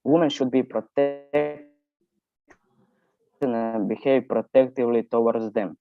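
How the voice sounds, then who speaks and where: Halting young man from Croatia. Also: mid-range voice, steady tone, over music. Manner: hesitant, halting reading with fillers. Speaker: student speaker. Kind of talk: read-out speech on video call. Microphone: video call. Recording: dull lo-fi call audio.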